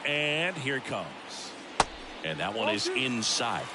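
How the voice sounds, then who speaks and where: Lively male play-by-play caller over loud ballpark noise. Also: medium pitch, slow pace. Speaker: baseball play-by-play announcer. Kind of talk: live baseball commentary. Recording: loud ballpark ambience behind the voice.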